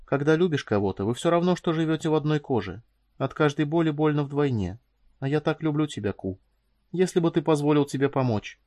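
A man's voice: on the high side, lively intonation, brisk, darkish tone, no room sound, studio quality, pitched above the performer's own voice, lightly acted. A man reading an audiobook, voicing a frightened, emotional young woman who pleads and cries out. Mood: tender.

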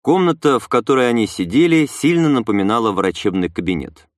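A man narrating a first-person audiobook with a wry, expressive reading. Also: medium pitch, brisk, no room sound, clean studio sound.

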